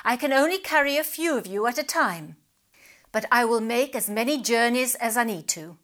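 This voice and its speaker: A woman's voice: on the high side, lively intonation, moderate pace, fairly bright tone. Woman doing a sly old pelican. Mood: soothing. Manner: solemn, grandly warning. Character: old scheming male pelican, smooth and grand.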